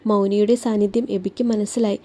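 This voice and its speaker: A woman reads a romantic serial story aloud in a calm, even narrating voice. Her tone is mellow and warm, with a middle pitch for a woman and a steady, unhurried flow. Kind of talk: scripted narration.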